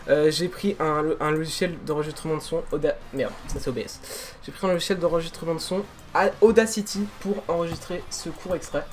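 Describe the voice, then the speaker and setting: Un jeune homme youtubeur, bavard et autodérisoire, qui explique son doublage amateur au micro de bureau, chez lui le soir. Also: male voice, on the high side, a little fast. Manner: chatty, self-deprecating, excited. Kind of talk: casual amateur dubbing vlog. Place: room at home, late at night. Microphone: desk microphone.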